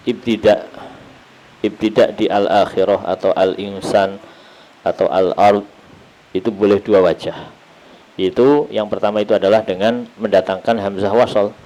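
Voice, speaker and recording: A man with a low voice explains a recitation lesson in slow, measured steps. He weaves Arabic terms and short verse quotes into his explanation for the students. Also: a little mellow, rough recording. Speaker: translator for the teacher. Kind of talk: classroom explanation.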